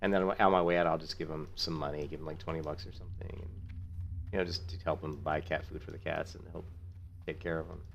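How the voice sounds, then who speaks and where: Extremely low in pitch, steady and brisk with vocal fry, the voice comes with a slight hiss or hum. It is a middle-aged man with a sore throat, streaming a game and chatting casually, rambling warmly and thanking viewers.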